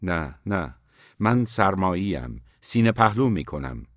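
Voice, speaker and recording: A weary young traveler half frozen in the snow, asking anxious, pleading questions, voiced by a man reading an audiobook. The voice sits low and deep. The sound is dry and close, with no room around it. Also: big pitch swings, a bit bright, no echo, heavily acted.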